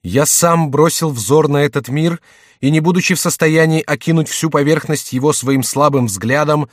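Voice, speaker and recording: A man's voice: fairly low pitch, darkish tone, no room sound, studio quality. A man voicing a pale, anxious prince who declaims in grave, pious tones, in an audiobook reading. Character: pale anxious male prince, trembling then rising.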